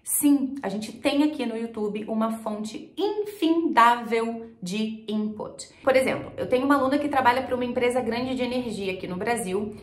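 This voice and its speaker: A young woman from Rio de Janeiro, Brazil, with a Carioca Brazilian Portuguese accent, teaches English straight to the camera in a small indoor room with plants and shelves. Her fairly high voice is punchy and direct, and it echoes a little in the room. She speaks emphatically and addresses the viewer with rhetorical questions.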